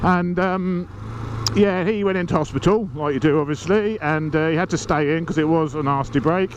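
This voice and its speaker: On urban roads, a vlogger talks casually from his motorbike at a normal speed, his voice on the high side. Hay fever leaves him snuffly as he chats, cheeky and self-mocking with the odd swear word, amid loud wind and traffic.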